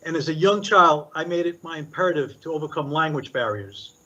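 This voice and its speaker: At a public meeting, an older man from Puerto Rico serving as commissioner reads formal remarks, delivering his listed points deliberately. His slightly high voice is pushed and bright with lively intonation, captured in a dull, lo-fi recording.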